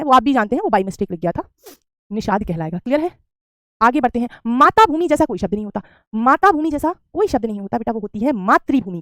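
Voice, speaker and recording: A woman's voice: a little high, dry recording, clean studio sound. A woman teaching a live online grammar lesson, drilling students with questions and repeating each answer back to them.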